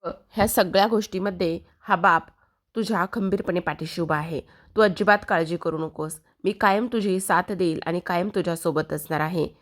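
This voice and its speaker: A woman's voice: lowish voice, moderate pace, natural voice. Woman reading father role, earnest and regretful, her own voice. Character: regretful father of two daughters.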